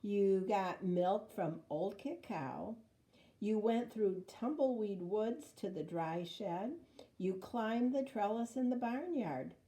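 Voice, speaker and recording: A woman voicing a soft-spoken, steady, encouraging old grandmother in a children's storybook. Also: mid-range voice, takes it slowly, natural voice. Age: older. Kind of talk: storybook read-aloud character voice.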